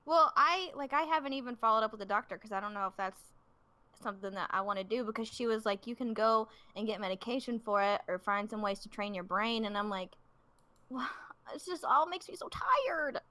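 Co-hosting a true crime podcast, a twenty-something woman tells a story in a mid-range, sharp-toned voice at a slightly fast pace. Her casual chat is filler-heavy, with some swearing and self-deprecating humor, recorded without echo.

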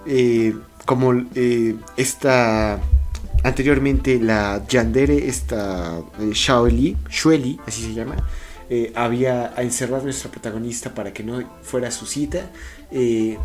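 A man's voice: medium pitch, unhurried, soft background music. A man, co-hosting a podcast, recapping an anime in casual chat. He rambles playfully with lots of fillers. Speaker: podcast co-host.

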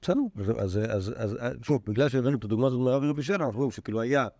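A man, a rabbi, teaching a Talmud class, animated and full of repeated words and fillers. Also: medium pitch, dry recording. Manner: animated, acts out quoted sages in a raised voice. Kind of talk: lecture to a class.

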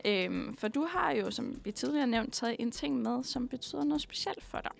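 Gravelly-voiced young woman co-host. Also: on the high side. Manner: friendly, hesitant questioning. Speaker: podcast co-host. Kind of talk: casual interview chat.

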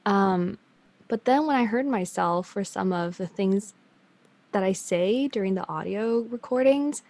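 A young woman from China who grew up in Canada chats casually as a guest, her Canadian accent slightly tinged with Chinese. She's chatty, laughs easily, and uses many ums and restarts, speaking unhurriedly in a mid-range, darkish voice with no echo.

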